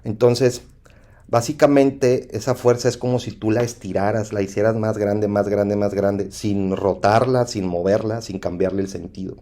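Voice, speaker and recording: A man with a Mexican accent teaching an engineering lesson over slides, often pausing with "¿sí?" to check understanding. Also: lowish voice, fairly even intonation, mellow. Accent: Mexican Spanish. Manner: repetitive, asks "¿sí?" to check understanding. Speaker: engineering instructor.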